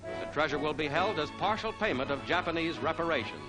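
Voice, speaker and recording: 1940s newsreel announcer over loud music. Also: male voice, fairly high pitch, animated. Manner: brisk announcer delivery. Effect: old newsreel narration. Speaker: newsreel narrator.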